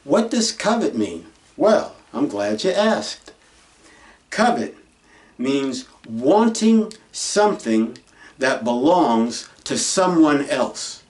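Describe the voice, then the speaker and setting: A man preaching in a slow, deliberate way, leaning hard on each point and answering his own rhetorical questions. His voice sounds a little distant from the microphone. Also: mid-range voice, sing-song, a little mellow. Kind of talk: folksy sermon on the commandments.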